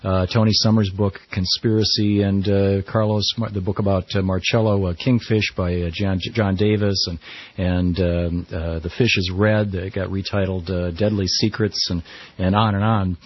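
A man's voice: low voice, flat delivery, normal speed, breathy edge, dry recording. An American man hosting a radio talk show, phrasing things in a hesitant, self-correcting way. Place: radio studio. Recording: slightly muffled radio broadcast, dry studio.

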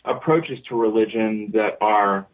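A man's voice: lowish voice, measured pace. A male caller on a speakerphone over an internet call, explaining his point hesitantly with many ums. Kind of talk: call-in radio talk. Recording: tinny phone-like call line.

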